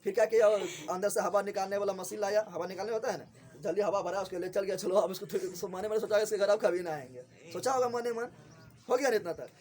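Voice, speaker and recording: A man, teaching a story chapter to a class, often asking a quick question and answering it himself. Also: high-pitched, a little mellow.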